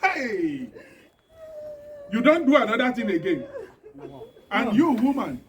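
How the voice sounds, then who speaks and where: A man's voice: extremely high pitch, sing-song, slow pace, a bit bright, slight background noise, full character voice. A man with a Nigerian Pidgin accent playing a neighbor who lectures the women preachily. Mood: lecturing.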